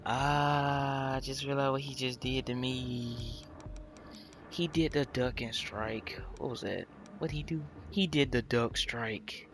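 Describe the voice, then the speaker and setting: A young man streaming a video game, commenting casually in an animated, joking, profane way. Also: mid-range voice, slow pace, a little hiss or hum.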